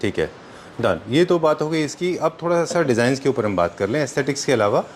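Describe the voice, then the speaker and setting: A man's voice: mid-range voice, brisk, slight background noise. A man with an Indian accent, casually touring a furniture showroom and asking about designs, mixing in English phrases. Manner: animated, switches freely between Hindi and English, short affirmations. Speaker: host touring a furniture store. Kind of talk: casual conversational walkthrough.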